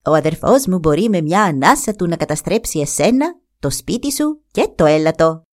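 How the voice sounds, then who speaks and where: A woman reads as a cheeky trickster hare in a storybook, boastful and teasing. Her voice sits a little low and moves lively up and down. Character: cocky mischievous male trickster hare.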